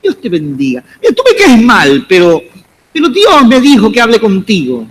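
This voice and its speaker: A man's voice: very high voice, huge pitch swings, normal speed. A man preaching as pastor, repeating calls to the congregation and addressing them as brother. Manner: preaching with repeated, rising exhortations. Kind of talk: sermon.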